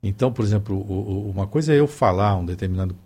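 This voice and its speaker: A man's voice: on the low side, quick pace, dark tone, husky. A man talking in a casual conversation, hesitant, with many fillers and restarts.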